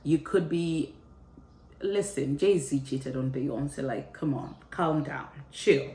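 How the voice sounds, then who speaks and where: A woman's voice: sits low, takes it slowly, mellow, reverberant. A woman host telling a candid personal story in a conversational way, retelling what others said in her own voice. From Africa.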